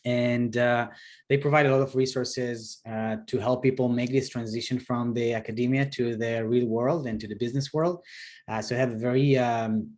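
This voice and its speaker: A man in his thirties with an Israeli accent, a startup founder answering interview questions, pausing often with fillers and restarts. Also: mid-range voice, steady tone, a little mellow. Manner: hesitant, many fillers and restarts. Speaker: startup CEO guest. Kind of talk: video call interview.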